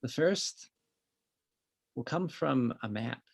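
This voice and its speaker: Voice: medium pitch, expressive, slow pace, vocal fry, exaggerated voice. A performer playing an ominous, grandiose vintage horror narrator with dramatic, portentous delivery.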